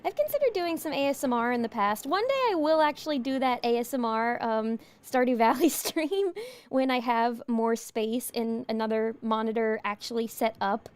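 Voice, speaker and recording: Young woman from new york, fairly high voice, giggly, chatty, talking to chat while streaming. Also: moderate pace, clear, resonant tone. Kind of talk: let's play commentary.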